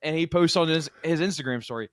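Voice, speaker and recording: A young man chatting on a sports podcast with a slightly high, bright-sounding voice. He is animated and laughs a lot, cutting himself off mid-thought. The close mic sounds dry, with no room echo. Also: fast. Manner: animated, laughs often, self-interrupting. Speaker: podcast co-host. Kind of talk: casual sports podcast banter.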